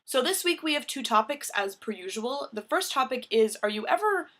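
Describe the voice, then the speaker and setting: A young woman with a somewhat high voice speaks in a casual, direct-to-camera vlog. She is earnest and emphatic, and now and then she swears for force. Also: very animated, moderate pace, a bit bright. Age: young adult. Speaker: vlogger.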